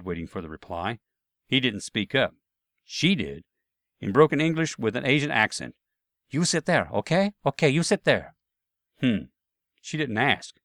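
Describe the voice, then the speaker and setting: A man recounts his travel mishaps with dry, self-deprecating humor, at an ordinary pitch for a man. He speaks close to the mic in a dead, dry room with no echo. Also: fairly bright tone. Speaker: storyteller. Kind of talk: first-person anecdote narration.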